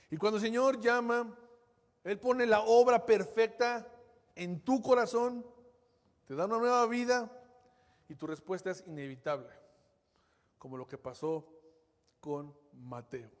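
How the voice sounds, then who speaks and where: A male pastor preaching a sermon with fervour, his voice swelling and then falling back to a hush as he keeps addressing the congregation. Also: very high voice. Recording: long reverberant hall.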